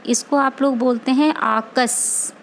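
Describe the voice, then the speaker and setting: A woman's voice: high-pitched, fairly even intonation, slow pace, gravelly, a little hiss or hum, rough recording. A woman music teacher giving an online class, patiently correcting her pupils' pronunciation word by word. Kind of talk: online class lesson on singing a prayer.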